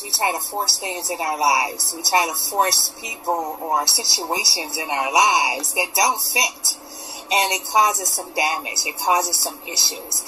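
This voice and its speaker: A woman, an author and leadership coach, explaining her ideas earnestly and at a quick pace as a radio guest. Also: lowish voice, bright, forceful tone, low-quality recording. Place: radio studio. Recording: radio broadcast.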